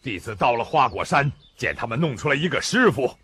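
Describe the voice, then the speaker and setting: An earnest, loyal monk disciple. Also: male voice, medium pitch, very animated, brisk, sharp tone, husky, full character voice. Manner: earnest, reporting eagerly. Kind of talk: TV drama acting.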